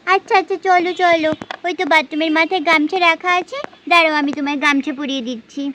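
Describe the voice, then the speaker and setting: A woman voicing a bustling village mother doll who scolds and dotes on her children, talking fast and nagging. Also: extremely high pitch, steady tone, a bit bright, slight background noise. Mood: fussing. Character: fussy village mother, scolding yet doting. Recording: dull lo-fi sound.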